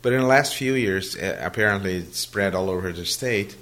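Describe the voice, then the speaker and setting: Here a native Portuguese speaker from Brazil fields interview questions in a deep, somewhat bright voice at a brisk pace. His delivery is hesitant and chatty, full of fillers and sentences he keeps starting over.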